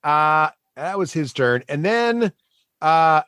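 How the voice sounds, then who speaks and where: Guy dm-ing a tabletop game, very expressive, thinks out loud as he narrates, dry sound. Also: fairly high pitch, clear, resonant tone, no echo. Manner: halting, thinking aloud while narrating. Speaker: game master.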